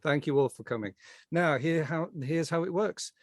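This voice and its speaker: A man's voice: a little high, normal speed, dry recording, clean studio sound. A man hosting a podcast, friendly and orderly as he explains how the show works. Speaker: podcast host.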